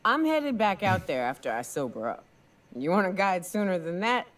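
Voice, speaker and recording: An actress playing a drunk, boastful big game hunter in a video game, with a rambling, tipsy barfly drawl. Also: female voice, on the low side, very animated, moderate pace. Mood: tipsy, amused.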